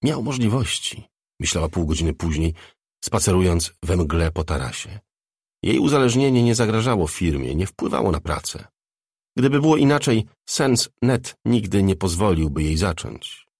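A man narrating an audiobook in an expressive reading style. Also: low-pitched, moderate pace, slightly rough, dry recording, clean studio sound. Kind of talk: scripted narration.

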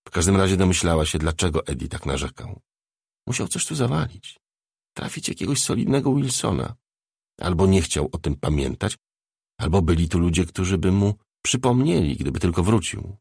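A man reading a novel aloud as an audiobook narrator, in a measured, even storytelling delivery. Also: low-pitched, gravelly, husky, dry recording, studio quality.

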